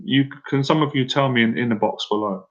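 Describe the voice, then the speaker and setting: Speaking fast in a medium-pitched, fairly bright voice, a man coaches live-stream viewers on how to talk to women, though the recording is muffled. As a dating confidence coach he keeps it casual and direct, repeating points and urging viewers to respond in chat.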